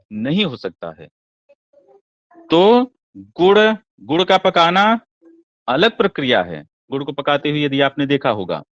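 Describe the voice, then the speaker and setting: A man's voice: fairly high pitch, a bit bright, dry recording. A man teaching classical Sanskrit poetics in a lecture, asking rhetorical questions and answering them himself. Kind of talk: explanatory lecture. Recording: dull lo-fi dry recording.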